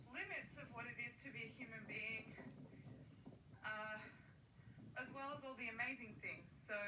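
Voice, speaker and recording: A woman giving a slow, measured daily broadcast about her exhausting project, sounding worn out and sore, played back through a laptop speaker. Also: fairly high pitch, distant mic. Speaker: artist in residence. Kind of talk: daily live broadcast address. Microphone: microphone held up to a computer speaker. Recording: laptop playback caught by a held mic, roomy and noisy.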